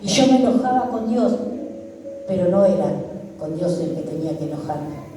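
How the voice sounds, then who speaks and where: A woman's voice: fairly low pitch, animated, normal speed, background noise. A middle-aged woman pastor, preaching a fervent sermon full of repetition. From Argentina. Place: church hall. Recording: echoey church hall from far off.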